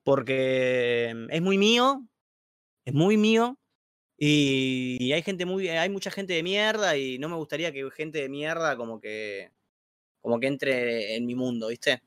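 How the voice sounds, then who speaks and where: A young man with a Rioplatense Argentine accent, talking in slangy, animated bursts on a livestream chat. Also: medium pitch, measured pace, clear, resonant tone, no room sound, studio quality. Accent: Rioplatense Spanish. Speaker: streamer guest. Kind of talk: casual chat on a stream.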